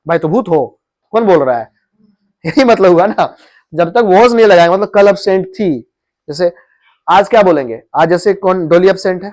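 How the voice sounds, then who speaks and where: A man's voice: sits high, a little mellow. A man teaching grammar to a class of students, drilling them with repeated questions. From India.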